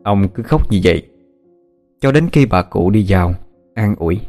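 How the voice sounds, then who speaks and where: A man narrating a story audiobook in a steady, measured storytelling manner. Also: fairly low pitch. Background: soft background music.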